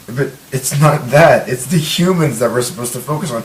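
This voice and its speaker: A man's voice: medium pitch, moderate pace. A young man, a guest on a podcast, rambling animatedly with lots of fillers. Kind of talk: casual chat. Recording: echoey room, faint hiss.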